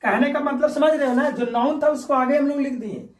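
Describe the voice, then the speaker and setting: A very high-pitched man moves a little quickly through a classroom-style grammar explanation, one step at a time. He goes back over points and checks in with quick tag questions, recorded from afar in a room with echo.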